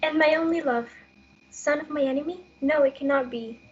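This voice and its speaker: A woman's voice: high-pitched, normal speed, a little hiss or hum, lightly acted. A young woman playing a lovestruck, earnest, conflicted young Juliet in a student reader's theatre performance. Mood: dismayed. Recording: dull lo-fi audio.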